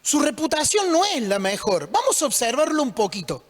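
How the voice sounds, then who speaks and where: Man, pastor, very high voice for a man, casual joking sermon, long hall reverb. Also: big pitch swings, a little fast. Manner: conversational, joking, asks rhetorical questions. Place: church.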